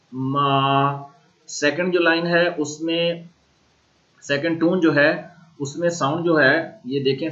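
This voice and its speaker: A man with a Pakistani accent giving a recorded university lecture, explaining slowly and repeating sounds aloud to model them. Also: on the high side, fairly bright tone, highs cut off. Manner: slow, repetitive explaining, modeling tones aloud. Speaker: language teacher.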